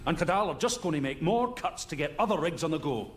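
A man's voice: on the high side, expressive, a little fast, slight background noise, close to an everyday voice. A man playing a fiery, insistent Scottish rig worker and union agitator in a video game. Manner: insistent, speechifying. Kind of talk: naturalistic video game acting.

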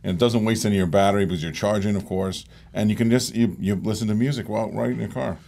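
A man's voice: lowish voice, fairly even intonation, fast talker, vocal fry, warm tone. A man co-hosting a casual chat, agreeable and chiming in with short remarks.

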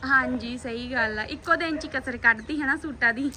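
A woman's voice: high-pitched, fairly quick. A woman in casual chat, agreeable and often affirming what she hears. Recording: noisy home recording outdoors.

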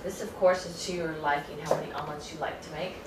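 A woman's voice: sits low, fairly even intonation, quick pace. A young woman hosting a casual home cooking demonstration, chatting cheerfully as she explains each step in her kitchen. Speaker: cooking show host. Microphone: camera mic from across the kitchen. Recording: echoey kitchen, distant camera mic, loud background noise.

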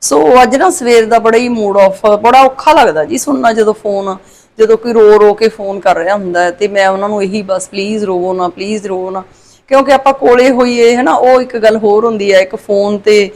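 A woman's voice: mid-range voice, fairly quick. Sorrowful middle-aged woman vlogger. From Punjab. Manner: soft, sorrowful, consoling, with many tag questions. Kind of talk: casual heartfelt talk to viewers.

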